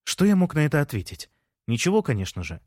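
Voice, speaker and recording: A man's voice: a little high, sing-song, quick pace, darkish tone, no room sound. Wry male audiobook narrator, dry sound. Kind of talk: first-person audiobook narration.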